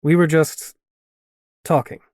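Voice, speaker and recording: A man's voice: a little high, flat delivery, slow, a little mellow, dry recording, clean studio sound. A male audiobook narrator voicing a mild, hesitant young male vampire.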